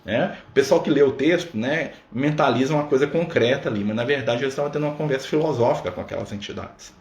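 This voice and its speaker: A man's voice: mid-range voice, fast talker. A man leading a casual Spiritist study on a live stream, talking conversationally and often adding "né?" and "tá?". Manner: conversational, full of "né?" and "tá?" asides. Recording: roomy sound with faint background noise.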